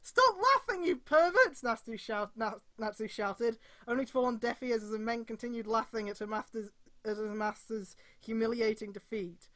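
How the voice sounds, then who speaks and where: On a stream, a woman reads fan fiction aloud dramatically, breaking off for exasperated, mocking comments. Her voice is on the high side with little pitch movement, at normal speed.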